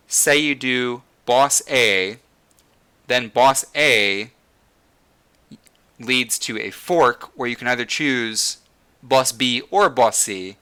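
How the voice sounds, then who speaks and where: Rambling, bright-toned man with a tired voice. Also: mid-range voice. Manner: rambling, frequent fillers and restarts. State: losing his voice. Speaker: podcast host. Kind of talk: casual gaming discussion.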